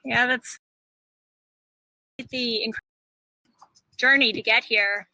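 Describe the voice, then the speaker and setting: A woman hosting an interview, asking friendly, measured questions. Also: on the high side, steady tone, bright, forceful tone, dry recording, low-quality recording. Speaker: host.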